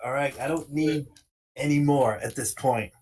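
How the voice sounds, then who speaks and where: A man's voice: medium pitch, normal speed, crowd noise. A man in his late thirties co-hosting a podcast, earnestly explaining his views and leaning on "you know" as he talks. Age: late 30s. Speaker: podcast co-host. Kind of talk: casual conversational talk.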